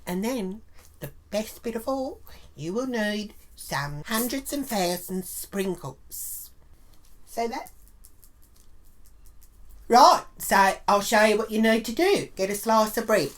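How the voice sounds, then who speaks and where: A woman's voice: mid-range voice, lively intonation, slow, pauses often. A woman with an Australian accent telling a crude story and giving a cooking tutorial, swearing bluntly all the way through. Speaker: vlogger.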